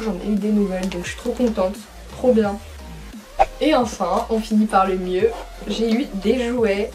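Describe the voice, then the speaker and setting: A young woman chatting casually as she unboxes a monthly pet box, chatty and full of fillers and excited asides. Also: mid-range voice. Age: young adult.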